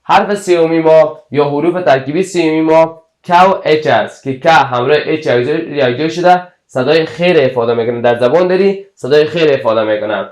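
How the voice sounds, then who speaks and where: A man with an Afghan Dari accent teaches English spelling, carefully repeating each example word and then giving its meaning. His voice sits a little high, and the room around him rings with echo. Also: few pauses. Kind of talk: explaining English letter combinations.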